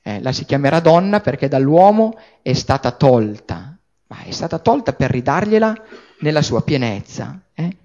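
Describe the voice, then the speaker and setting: Animated male scripture lecturer. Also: medium pitch, moderate pace, lo-fi sound. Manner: animated, checks in with frequent tag questions. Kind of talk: classroom lecture.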